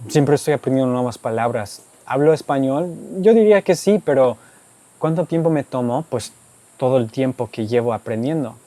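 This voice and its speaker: This casual Q&A monologue features a warm-voiced man at medium pitch and moderate pace, answering his YouTube viewers' questions in Spanish, a language he learned as an adult speaker would. He explains patiently, adding "¿ok?" and "¿verdad?" to his statements, with no room sound audible.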